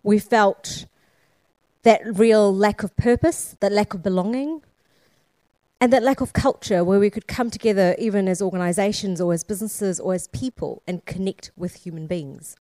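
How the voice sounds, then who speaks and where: A founder and keynote speaker born in Sri Lanka and raised in Scotland and New Zealand gives a conference keynote full of rhetorical questions and emphatic repetition. Her voice is medium-pitched and dark-toned at normal speed, in a dry recording.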